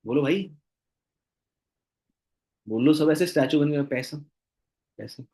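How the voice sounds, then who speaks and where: A man's voice: a little high, unhurried, mellow. Emphatic young man training sales recruits. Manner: acts out both sides of dialogues, addresses viewers as "bhai"; emphatic, repeats phrases for stress. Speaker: network marketing trainer. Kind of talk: casual motivational training talk.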